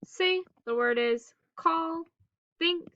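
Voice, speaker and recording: A woman teacher leading a phonics drill for children in staccato, clipped single words with pauses between them. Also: very high voice, fairly bright tone, dry recording, dull audio.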